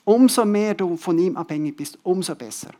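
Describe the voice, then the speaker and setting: Emphatic preacher with a raised voice. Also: male voice, high-pitched, expressive, fairly quick. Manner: emphatic, swinging between loud stressed words and soft drops; repeats key words for emphasis. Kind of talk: sermon to a congregation.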